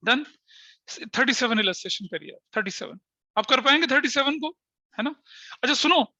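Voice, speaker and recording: A man's voice: very high voice, pushed and bright, no echo, muffled recording. A middle-aged man teaching an accountancy class, talking straight to his students, mixing Hindi and English terms, joking and scolding by turns. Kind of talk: online class lecture.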